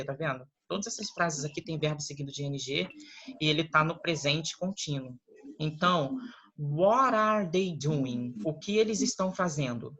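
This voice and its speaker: A man, an English teacher giving a recorded class, who explains patiently step by step and keeps checking in with quick question tags. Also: a little high, fairly bright tone, slight background noise. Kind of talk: recorded online class lesson. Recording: slightly dull lo-fi recording.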